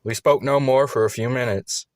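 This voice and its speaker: A man's voice: medium pitch, normal speed. A man reading a first-person audio story in an earnest, reflective manner. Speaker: narrator. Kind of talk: scripted audiobook narration.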